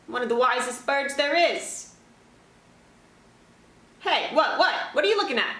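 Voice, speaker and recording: A woman's voice: high voice, lively intonation, a little slow, fairly bright tone, recorded from a distance, pitched above the performer's own voice. A woman voicing a sleepless owl puppet who is worried and then huffily boastful about being wise. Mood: brash indignant. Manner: huffy, defensive questioning. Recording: roomy echo, faint ambience.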